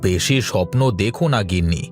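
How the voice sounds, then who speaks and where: A man voicing an easygoing village farmer father in a cartoon, calm and indulgent toward his son. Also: low voice, a little fast, faint music behind. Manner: soothing, indulgent, good-humoured. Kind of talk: cartoon voice acting.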